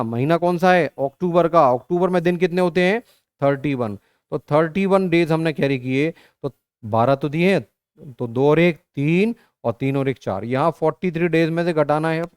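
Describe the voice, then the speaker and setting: An online reasoning teacher runs an exam-prep lesson, working through arithmetic step by step, asking and answering his own questions, and calling students "beta." His voice is a little high and smooth, in a dry, clean studio recording.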